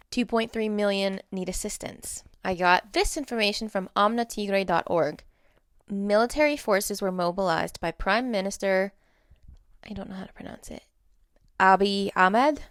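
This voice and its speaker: A woman's voice: mid-range voice, dry recording, clean studio sound. A woman with a standard American accent, reading notes aloud in an informal advocacy vlog with blunt, emphatic delivery and candid asides. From United States. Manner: blunt, emphatic, casually profane. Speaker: social media content creator.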